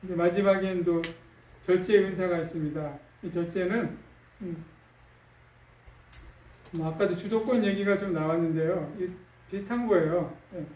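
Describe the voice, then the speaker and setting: A man's voice: high voice, normal speed, pauses often, darkish tone. A male pastor preaching a sermon in a conversational way, with fillers and questions to the congregation. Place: church sanctuary. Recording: echoey room, distant mic.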